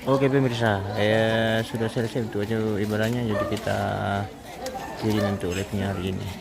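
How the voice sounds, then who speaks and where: Low-pitched man host wrapping up a live stream over loud crowd noise. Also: flat delivery, fairly quick, creaky. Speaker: livestream host. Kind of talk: casual sign-off to viewers.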